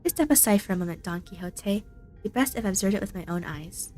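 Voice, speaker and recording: A woman voicing a calm, formal, all-knowing young woman in a game story. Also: mid-range voice, quick pace, soft background music, natural voice. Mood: composed.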